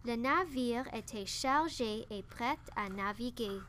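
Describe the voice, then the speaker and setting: A woman reading a children's story aloud, slow and careful. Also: on the high side, noisy background. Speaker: narrator.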